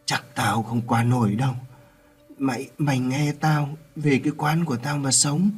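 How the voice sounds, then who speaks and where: A man's voice: medium pitch, fairly even intonation, normal speed, slightly rough, faint music behind, natural voice. A man voicing a dying, fatherly old man. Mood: weak pleading. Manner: weak, strained.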